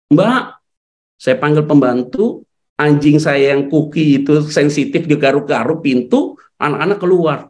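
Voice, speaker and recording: Emotional male pastor telling a story. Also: on the high side. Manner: emotional, swings from loud to hushed; keeps addressing the congregation as "Saudara". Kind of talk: storytelling sermon. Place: church service.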